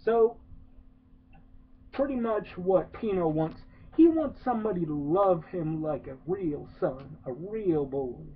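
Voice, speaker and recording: A man's voice: high voice, animated, takes it slowly, husky. A man ranting through a sarcastic movie review, rambling with lots of "uh"s and swearing. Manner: rambling, profane, many filler "uh"s, sarcastic. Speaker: film reviewer. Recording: tinny phone-like lo-fi.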